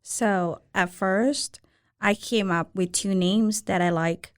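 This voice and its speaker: A woman from Thailand talks in a Thai accent, a restaurant owner chatting through an interview. Her English is halting and simple, with broken grammar, and her voice sits at a middle pitch. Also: fairly even intonation, clean tone. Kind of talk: casual interview.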